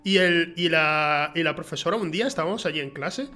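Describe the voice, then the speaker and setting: A man's voice: on the high side, a little fast. A young man with a Spanish accent, co-hosting a stream and telling a story with lots of laughter. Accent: Spain Spanish. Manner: animated storyteller, laughs often, acts out quoted voices. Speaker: co-host. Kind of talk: casual chat. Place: streaming studio.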